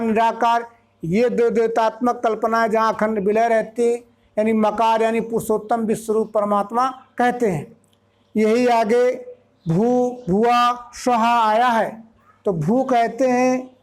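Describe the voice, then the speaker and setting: Slow, deliberate spiritual teacher. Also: medium pitch. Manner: slow, deliberate explanation, drawing out single syllables. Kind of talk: Hindi spiritual discourse.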